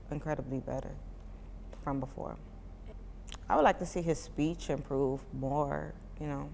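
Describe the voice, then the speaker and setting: Answering interview questions for a parent testimonial, this twenty-something mother from Miami keeps it loose and informal, filling her speech with "like." She has a low voice for a woman, touched with vocal fry. Long reverb follows her phrases, and faint noise hisses underneath.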